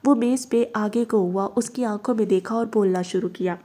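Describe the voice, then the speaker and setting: A woman reading a novel aloud as narrator, with expressive storytelling. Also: medium pitch, normal speed. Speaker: audiobook reader.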